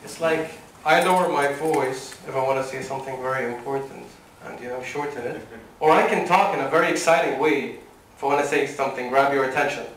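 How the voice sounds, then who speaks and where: A young Omani man delivers a motivational talk to a seated crowd in a wood-panelled lecture room, lively and laughing at his own anecdotes. His voice is medium-pitched and brisk with few pauses, picked up by a distant room mic as he walks the stage. The hall sounds echoey and far off, with a slight hiss or hum.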